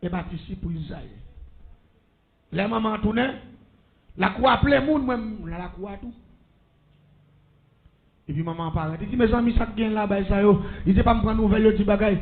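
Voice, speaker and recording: Haitian guy preaching a testimony sermon, high raspy-gravelly voice, dull muffled sound. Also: moderate pace, long pauses. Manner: storytelling preacher with call-and-response blessings. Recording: muffled lo-fi recording.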